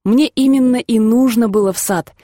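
Calm woman narrating a story. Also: on the high side, moderate pace, no echo, studio quality. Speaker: audiobook reader. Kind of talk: scripted narration of a classic novel.

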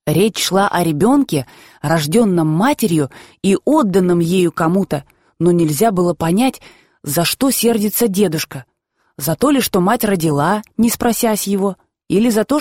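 A woman narrating an audiobook in a calm, measured storytelling manner. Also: medium pitch, dry recording, clean studio sound.

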